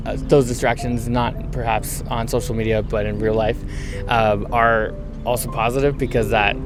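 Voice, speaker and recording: A man in his thirties from San Francisco, answering street interview questions in a thoughtful, measured way with frequent pauses. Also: medium pitch, little pitch movement, over music. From San Francisco, USA. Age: 30s. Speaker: interviewee, traveller.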